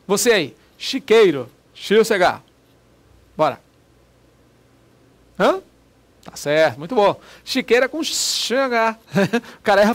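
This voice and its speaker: A man gives a recorded grammar lesson in a high, lively voice. He talks to his viewers in a chatty way and repeats each word several times as a drill. The sound is close and clear, as if from a video lesson. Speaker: Portuguese teacher.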